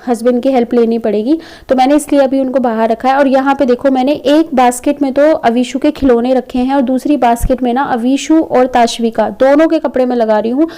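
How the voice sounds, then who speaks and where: Woman, 30s, mother-vlogger; casual home narration, high voice, warm and smooth. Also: steady tone, fairly quick. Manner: chatty, homely, with frequent fillers. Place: home, indoors.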